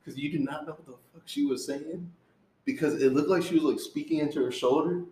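A man's voice: a little high, brisk, mellow. A young man co-hosting a podcast, joking around with friends in slangy, casual talk. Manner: joking, laughs often, slangy. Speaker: podcast co-host. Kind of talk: casual chat. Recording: echoey room.

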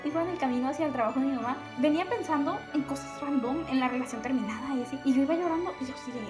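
A woman's voice: high voice, rapid-fire, over music. A young woman with a Mexican accent, chatting casually and telling emotional stories full of slang. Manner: emotional, animated storytelling with slang. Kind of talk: casual chat.

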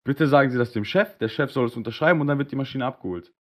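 A man hosting a casual podcast, telling a long anecdote in a slangy, animated way and acting out both sides of the conversations. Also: medium pitch, rapid-fire. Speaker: podcast host. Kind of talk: casual storytelling on a live-streamed podcast.

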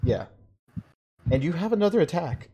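A man running a tabletop game as game master over an online voice call, casual and quick to swear. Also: fairly high pitch, sing-song, warm tone. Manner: casual, swears freely, quick bursts of narration.

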